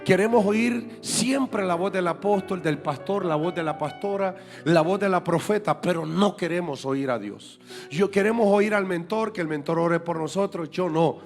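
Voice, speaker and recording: Male preacher, high voice, emphatic sermon delivery, church setting with soft music underneath. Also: moderate pace, in a large hall. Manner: emphatic, repeats key points for the congregation. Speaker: apostle and preacher. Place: church sanctuary.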